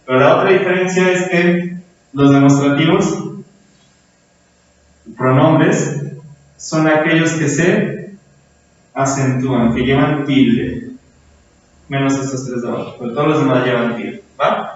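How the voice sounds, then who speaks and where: A man's voice: mid-range voice, unhurried, pauses often. A man with a Mexican accent teaching a grammar lesson to a class, often checking with "right?" tag questions. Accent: Mexican Spanish. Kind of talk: classroom lecture, also filmed for viewers at home. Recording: very echoey room, far from the mic, dull sound.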